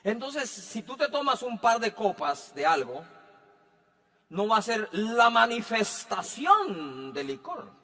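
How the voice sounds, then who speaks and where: A man's voice: sits high, pushed and bright, big-room sound. A man preaching a sermon as a pastor, talking in a loose, joking way and often asking the listeners whether they follow him. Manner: conversational, joking, keeps asking if he is understood.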